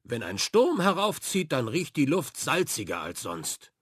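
A man's voice: medium pitch, wildly swooping pitch, measured pace, a bit bright, husky, no room sound, clean studio sound, exaggerated voice. A man playing a boisterous, doting sea captain who is a father, in a hearty, exclamatory voice.

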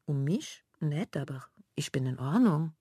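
A woman voicing a friendly, curly-haired boy with gentle, slightly halting phrasing. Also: sits low, expressive, breathy edge, no echo, studio quality, exaggerated voice. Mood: kind.

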